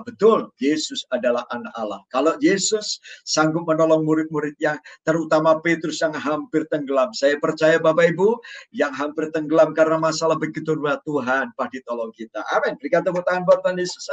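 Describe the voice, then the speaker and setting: A man preaching a sermon as pastor in a church, animated and joking, acting out quoted voices. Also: a little high, a little fast. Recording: dull sound from a distance.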